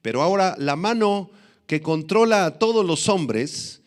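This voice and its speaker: A middle-aged male pastor preaching a Bible-teaching sermon, stressing and repeating key phrases and slowly spelling out old words. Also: sits high, expressive. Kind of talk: expository sermon.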